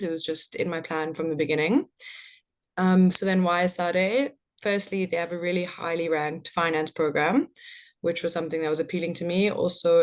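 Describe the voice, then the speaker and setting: A South African woman giving a casual testimonial as a master's student on a panel. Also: lowish voice. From Cape Town, South Africa.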